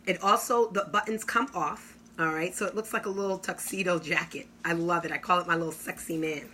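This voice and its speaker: A woman's voice: on the low side, fairly quick, bright, forceful tone, slight background noise. A woman giving an enthusiastic, salesy kitchen product demonstration, drawing out her exclamations. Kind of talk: live kitchen product demo.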